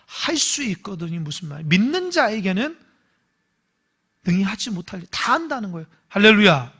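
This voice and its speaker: Male pastor preaching a sermon, bright high voice, animated delivery with loud calls and hushed asides. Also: normal speed, slightly rough. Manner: acts out quoted voices in dialogue. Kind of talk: Sunday morning sermon.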